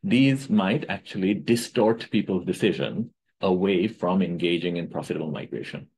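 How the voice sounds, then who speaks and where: A middle-aged Bangladeshi economics researcher gives a casual webinar talk over a video call, often checking with "right?" and correcting himself. His voice is low, creaky and a little mellow at a moderate pace, in a rough recording with slight background noise.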